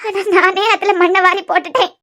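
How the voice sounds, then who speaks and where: A woman's voice: flat delivery, fairly quick, bright, forceful tone. A woman voicing a tearful scheming young woman. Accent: Kanyakumari Tamil. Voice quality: very high-pitched. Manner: pleading, self-pitying. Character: heartbroken scheming young woman, obsessive and vengeful. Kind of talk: cartoon serial voice acting.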